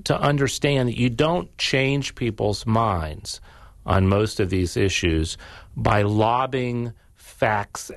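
A man's voice: lowish voice, vocal fry, no echo. A man appearing as a journalist guest on a radio call-in, answering thoughtfully with frequent repeated words and restarts.

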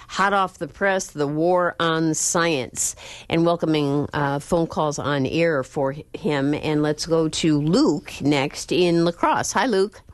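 A woman hosting a public radio call-in show and pledge drive in a studio, reading out phone numbers slowly and clearly. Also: deep voice, no room sound. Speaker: radio host. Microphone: studio microphone.

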